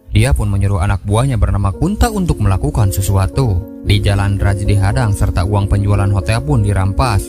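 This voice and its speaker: Low-voiced man narrating over music. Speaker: film recap narrator. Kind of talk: scripted storytelling narration. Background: background music.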